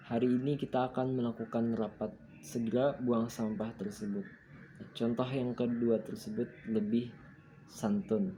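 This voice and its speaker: A young man presenting coursework as an explanatory lesson, working through points one by one in a steady, methodical way. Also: medium pitch, slight background noise, poor audio.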